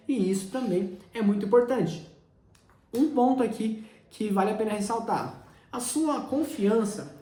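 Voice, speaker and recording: A man's voice: high voice, warm tone. A young man who coaches sales gives an instructional talk, addressing the listener directly. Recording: roomy echo.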